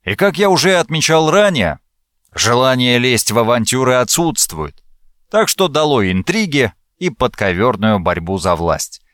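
A man reading a first-person fantasy audiobook as narrator, with expressive, lively intonation. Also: medium pitch, moderate pace, no echo, clean studio sound.

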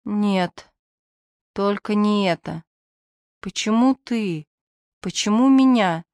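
A woman voicing a grumpy middle-aged male senior police inspector who talks gruffly and hisses hoarsely. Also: mid-range voice, lively intonation, takes it slowly, darkish tone, no echo, clean studio sound. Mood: grumbling.

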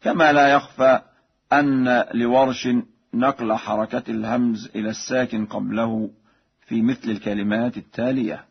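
Husky male recitation teacher from Egypt, formal and measured, dull lo-fi radio sound. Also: medium pitch, steady tone. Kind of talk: radio lesson on recitation readings.

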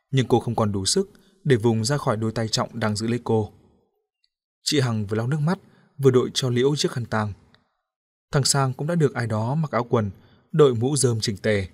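A man narrating an audiobook story in a steady, even storytelling manner. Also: medium pitch.

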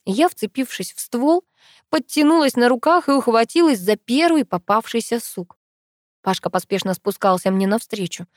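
A young woman narrating a first-person audiobook in a lively, expressive storytelling manner. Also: on the high side, moderate pace, dry recording, studio quality.

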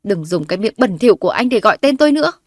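A woman's voice: mid-range voice, a little fast, no room sound, clean studio sound, lightly acted. Woman playing a furious wronged young wife. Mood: defiant. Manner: sharp, confrontational.

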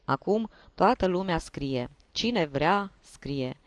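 A man's voice: fairly high pitch, expressive, no echo, close to an everyday voice. A man voicing a tipsy old male journalist with a reedy tenor voice, giving rambling, sentimental toasts. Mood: nostalgic.

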